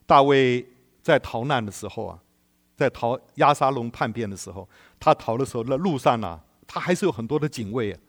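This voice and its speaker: A man preaching a sermon in an animated storytelling way, putting rhetorical questions to the congregation and chuckling often. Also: mid-range voice.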